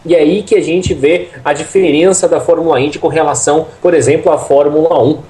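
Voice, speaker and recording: A man with a Brazilian accent gives conversational racing analysis. His voice is mellow and relaxed in tone, pitched a little higher than most men. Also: a little fast, rough recording. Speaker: motorsport pundit.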